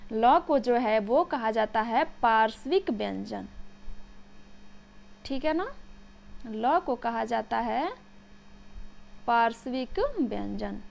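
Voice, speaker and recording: Woman teacher, high voice, patient exam-prep explainer who keeps asking if the class has understood. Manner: checks understanding with frequent "samajh gaye?"; slows down to dictate key terms. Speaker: Hindi grammar teacher.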